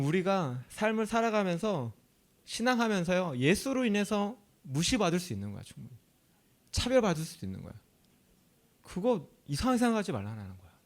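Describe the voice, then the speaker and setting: This man's sermon is chatty and animated, his fairly high male voice swinging widely in pitch. A pastor from Chungcheong, South Korea, he laughs readily and keeps putting questions to the audience.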